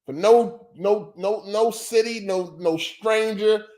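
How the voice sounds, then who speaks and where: A man's voice: sits high, takes it slowly, a little mellow. A man hosting a casual podcast livestream, talking loosely and profanely and repeating himself for effect. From Philadelphia. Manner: loose, profane, repetitive banter. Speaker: podcast host.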